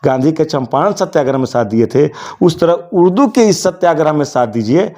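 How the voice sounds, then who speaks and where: A man's voice: on the high side, lively intonation, moderate pace, mellow. A middle-aged man from Bihar, a journalist, giving earnest, emphatic interview answers full of Urdu vocabulary. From Bihar, India. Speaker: interview guest, journalist and committee secretary.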